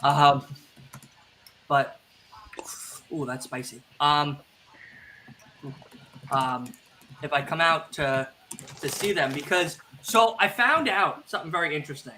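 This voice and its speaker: Guy rambling on a podcast, bright kinda raised voice, lots of ums and restarts, bit of hiss behind. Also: a little high, slow pace, pauses often. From Italian family background. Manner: rambling, self-deprecating, many fillers and restarts. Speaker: podcast co-host. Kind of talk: casual chat. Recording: streamed podcast with faint background noise.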